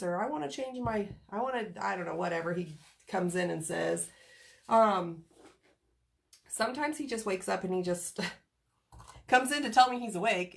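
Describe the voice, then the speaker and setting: A woman's voice: medium pitch, gravelly. A woman from Kansas getting over a cold, with a nasal, scratchy voice, chatting casually while doing crafts on a livestream and greeting viewers by name. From Kansas, USA.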